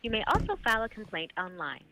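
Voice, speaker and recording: A woman's recorded voice on an automated phone menu, heard over a landline phone, reading prompts in a measured, even way. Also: mid-range voice, slight background noise.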